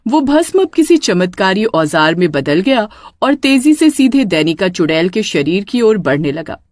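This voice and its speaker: A woman storyteller narrates a scripted dramatic story in a medium-pitched, sing-song, slightly mellow voice at a moderate pace. The recording is clean studio sound with no room echo.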